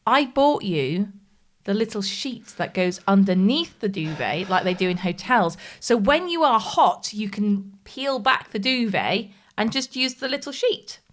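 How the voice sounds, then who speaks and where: Woman, podcast co-host, chatty and teasing, very lively pitch, studio. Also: a little slow. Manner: chatty, laughs often, teasing. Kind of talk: casual chat.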